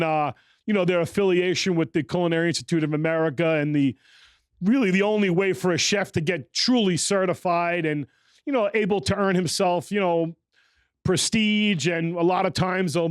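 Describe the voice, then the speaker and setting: High-voiced, chatty male podcast host. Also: smooth, no echo. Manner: rambling storyteller, many fillers. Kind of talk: casual interview chat.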